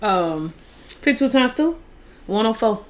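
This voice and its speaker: A woman's voice: fairly high pitch, animated, a little slow, background noise. A woman co-hosting a podcast in casual chat, giving dry, blunt replies and reading sponsor plugs. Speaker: podcast co-host.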